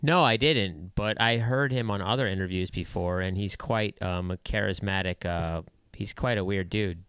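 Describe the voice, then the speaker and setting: A man with a lowish, smooth, clear voice jumps in with blunt, quick questions during a casual podcast chat. He sounds dry and close to the mic. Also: a bit bright, no echo.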